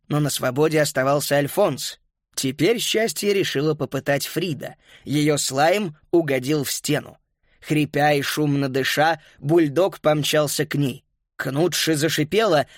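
A man reads a children's adventure audiobook with lively, expressive storytelling. His voice sits a little high for a man, and the recording is dry and close with no room sound. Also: normal speed, no echo. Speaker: narrator. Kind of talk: audiobook narration.

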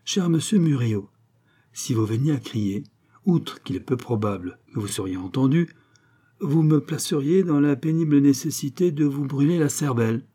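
A man reading an audiobook and voicing a smooth-talking, menacing male villain with falsely genial politeness. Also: mid-range voice, expressive, normal speed, warm tone, pitched above the performer's own voice. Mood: mock-polite.

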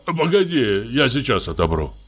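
A man's voice: medium pitch, big pitch swings, moderate pace, pitched above the performer's own voice. A man reading an audiobook voices a huge middle-aged man woken at night, sighing and breathing heavily. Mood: sleepy, grumbling. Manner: sighing, groaning, heavy breathing.

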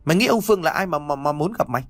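A man voicing a bullying middle-aged male servant who yells insults. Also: a little high, expressive, no echo, clean studio sound, soft background music, pitched above the performer's own voice. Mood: furious. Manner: shouting, fast, abusive.

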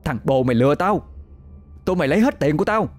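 A hot-tempered older woman from a spoken ghost story barks and scolds in a high, shrill voice, played by a male narrator. Her pitch leaps wildly, and soft music runs underneath. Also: lively intonation, quick pace, close to an everyday voice. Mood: furious. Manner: scolding and shouting.

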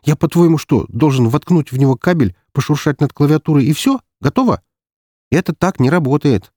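A man's voice: mid-range voice, expressive, brisk, mellow, breathy edge, no echo, clean studio sound, pitched above the performer's own voice. A man voicing an exasperated male tech specialist in an audiobook, protesting indignantly.

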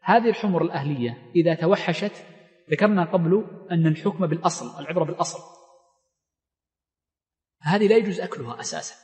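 A man teaches a lesson on Islamic law in a quick, slightly high voice. He reads a line from the text and then explains it at length, with plenty of fillers and restarts. His voice carries a long reverb, as if recorded in a large hall or mosque. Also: a little mellow. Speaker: Islamic scholar teaching fiqh.

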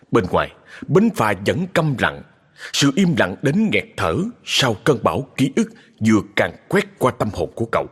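A man's voice: fairly low pitch, husky. Guy telling a sad ghost story, dramatic, voice goes up and down a lot. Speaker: narrator. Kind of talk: scripted horror story narration. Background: music.

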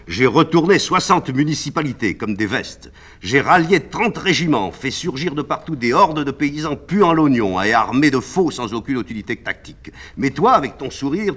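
A man voicing an imperious, mercurial emperor who gives sharp orders and breaks into loud outbursts, read from a stage play. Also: medium pitch, sing-song, normal speed, voice pushed up. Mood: grandiose. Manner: commanding, with sudden loud outbursts. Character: imperious, mercurial male emperor, middle-aged.

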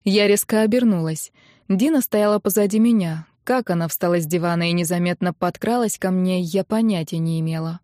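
Woman narrator, audiobook novel, steady storytelling, dry close sound. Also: lowish voice, brisk, dry recording. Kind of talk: first-person novel narration.

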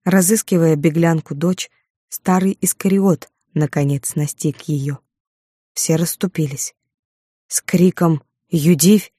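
A woman reads an audiobook in a measured, dramatic manner. Her voice sits low and dark, and the studio sound is dry and close. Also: fairly even intonation, slightly rough, dry recording. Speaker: audiobook narrator. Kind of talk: scripted narration. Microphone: studio microphone.

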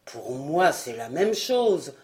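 A woman reading an audiobook, voicing a big, clumsy, good-natured strongman in a lowered voice. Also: big pitch swings, takes it slowly, darkish tone, heavily acted. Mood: easygoing.

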